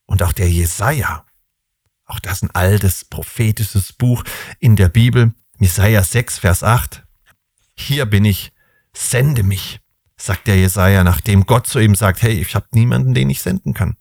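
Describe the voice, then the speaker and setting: A man's voice: lowish voice, a little slow, vocal fry, darkish tone, no room sound, studio quality. A man hosting a Bible podcast, teaching in a casual, reflective way and asking rhetorical questions.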